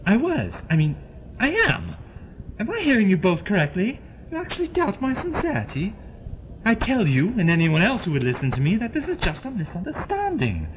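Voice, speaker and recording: A man's voice: sits high, huge pitch swings, a little fast, highs cut off, slight background noise. A man playing the Doctor, an eccentric, indignant alien time traveler in an audio drama, musing theatrically and huffily. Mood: indignant, huffy.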